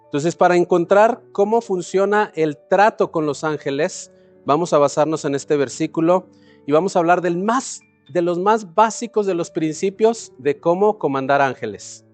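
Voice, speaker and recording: A man with a high, light voice preaches a sermon. He explains scripture and throws questions out to the congregation, then answers them himself. Soft music plays faintly behind him. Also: normal speed. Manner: calls congregation to repeat phrases.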